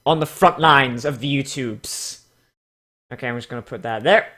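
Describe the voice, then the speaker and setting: A YouTube host with a medium-pitched, sharp-toned voice talks at normal speed, offering casual comedic commentary and mock dramatic readings. He's sarcastic, theatrical and foul-mouthed.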